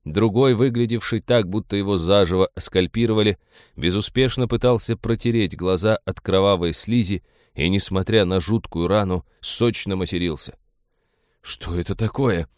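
A man narrating an audiobook in a steady, even storytelling manner. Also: lowish voice, normal speed, smooth, no echo, clean studio sound. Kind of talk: scripted narration.

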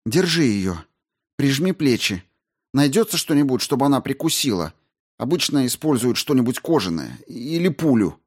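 A man's voice: mid-range voice, very animated, normal speed, darkish tone, husky, voice pushed up. A man voicing a woman astrobiologist who gives firm, urgent medical instructions in a story reading. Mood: brisk.

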